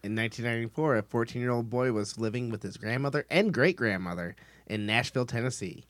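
A man on a podcast telling a paranormal story in a casual way, swearing and getting loud when he's excited. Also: mid-range voice, fast talker, dry recording.

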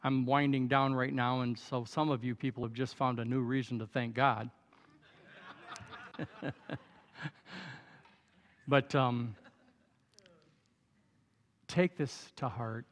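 At seventy, this pastor preaches a sermon and altar call in a large church hall, his medium-pitched voice keeping a fairly even intonation at a slow pace with long pauses. He exhorts the congregation through repeated declarations of thanks and praise, breaking into shouted praise. Music plays behind him amid the hall's reverb.

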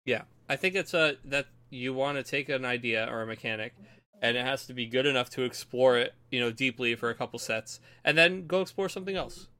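A man co-hosting a casual card game podcast, chatty and enthusiastic, quick to laugh. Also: medium pitch, sharp tone, clear, resonant tone. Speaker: podcast co-host.

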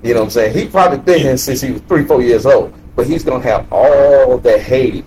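A man in a casual podcast conversation who talks at an even middle pitch and in a measured way. He agrees often with short interjections, and a faint ambient noise sits behind his voice. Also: poor audio. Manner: measured, agreeable, lots of "yeah" and "right". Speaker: podcast co-host. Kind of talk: casual group chat.

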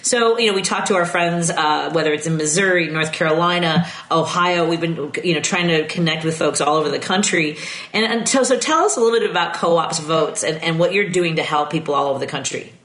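A woman's voice: sits low, fairly quick, fairly bright tone. Chatty woman radio host, roomy echo. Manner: chatty, laughs often. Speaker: radio talk show host. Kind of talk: live radio talk. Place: radio studio.

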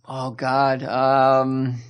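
A man's voice: mid-range voice, monotone, extremely slow, clean tone. A man co-hosting a casual podcast, blunt and teasing, swearing freely. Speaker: podcast co-host. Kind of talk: casual chat.

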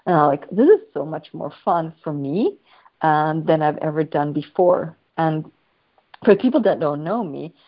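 A woman from Sweden joins a casual interview as a guest over a video call from her home in Sweden, with her dog. Her deep, expressive voice is unhurried, and she speaks enthusiastically, playfully, and freely, though the recording is muffled.

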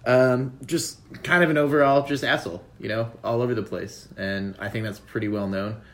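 A man's voice: medium pitch, fairly even intonation, normal speed, a bit bright. A man co-hosting a soccer podcast in casual chat, blunt, swearing and laughing often. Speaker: podcast co-host.

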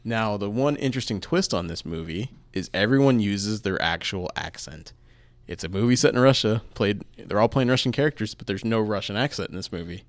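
A man's voice: fairly low pitch, expressive, fairly quick, no room sound. A man co-hosting a casual podcast, reviewing films and chatting, laughing easily. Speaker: podcast co-host, film reviewer. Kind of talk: casual film review chat.

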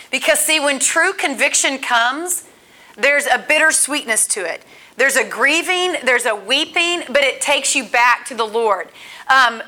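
A woman, giving an earnest, conversational Bible teaching and acting out the quotes. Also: sits high. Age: 40s. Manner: earnest, animated, acts out quotes. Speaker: women's Bible study teacher.

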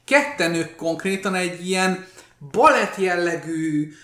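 A man's voice: high-pitched, fairly bright tone. A man co-hosting a podcast, chatting casually about films in an emphatic, strongly opinionated way. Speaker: podcast co-host. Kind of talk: casual film chat. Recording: roomy echo.

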